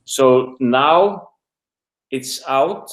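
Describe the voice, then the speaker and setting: A middle-aged man from Iceland with an Icelandic accent, an interview guest talking haltingly in English, his second language, searching for words. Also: mid-range voice. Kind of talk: casual interview talk. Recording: roomy echo.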